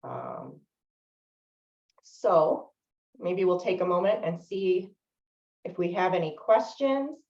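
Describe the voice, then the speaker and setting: Woman, software trainer, webinar training, lowish voice, frequent um fillers, roomy echo, far from the mic. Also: slow, pauses often. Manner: steady explanatory delivery with frequent um fillers. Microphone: video call microphone. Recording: distant, roomy, dull lo-fi webinar audio.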